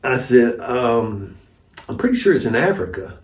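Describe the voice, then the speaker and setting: A man, interviewed as a guest, swaps mission stories in a folksy, anecdotal way. His mid-range voice has a sing-song quality and a moderate pace, and the distant mic picks up an echoey room.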